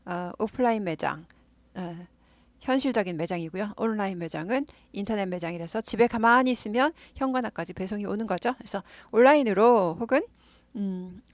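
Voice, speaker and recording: A woman gives an English lesson, explaining each phrase patiently and saying words again and again at a slow, deliberate pace so learners can copy the sound. Her voice is dry and close, with no room sound around it. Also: mid-range voice, no room sound. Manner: patient, repeats words slowly to model pronunciation. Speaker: English teacher.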